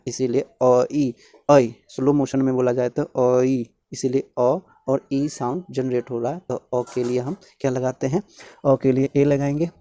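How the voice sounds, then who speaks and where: Man teaching slowly, mellow dry voice. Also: medium pitch, no room sound. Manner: slow, repetitive, spelling sounds out one by one. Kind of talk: explanatory lesson.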